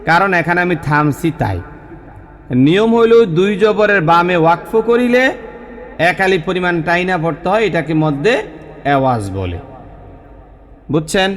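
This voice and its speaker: A man, teaching a tajweed lesson patiently and repeating the rules slowly. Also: high-pitched, lively intonation, a bit bright, big-room sound. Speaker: Quran recitation teacher.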